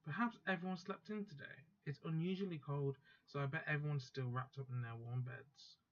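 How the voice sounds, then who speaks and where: Reading quickly in a fairly high voice, a man lends a light touch of acting to the first-person narration of a proud teenage girl magus from a visual novel. He speaks plainly but trips and corrects himself, over a muffled lo-fi recording with faint music behind him.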